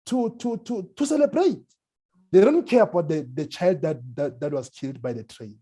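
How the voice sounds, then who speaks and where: Male academic, seminar answer, slow and halting, dark voice, swinging pitch. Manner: slow, halting, many restarts. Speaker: presenting scholar. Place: seminar room.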